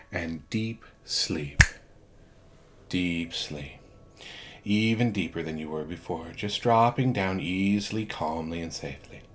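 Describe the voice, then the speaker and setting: A man guiding a hypnosis relaxation induction in a soothing, measured way, leaving long pauses between phrases. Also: sits low. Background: background music.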